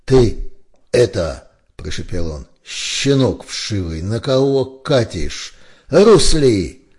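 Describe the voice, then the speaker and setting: A man voicing a gruff, blustering middle-aged boss of a criminal hideout. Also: deep voice, animated, a little slow, warm tone, exaggerated voice. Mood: angry.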